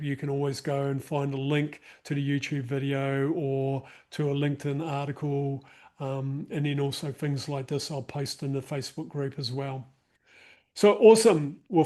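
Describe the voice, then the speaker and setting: There's a slight height and a little mellowness to this man's voice as he hosts an online workshop with a New Zealand accent. Via a video call mic, he makes casual closing remarks to the live group, stumbling through plenty of fillers and restarts.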